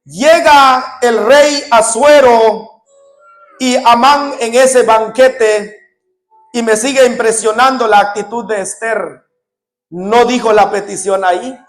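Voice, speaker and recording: High-voiced, slow-speaking male preacher. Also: steady tone, soft background music. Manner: retells scripture dramatically, addresses the congregation directly. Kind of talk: storytelling sermon.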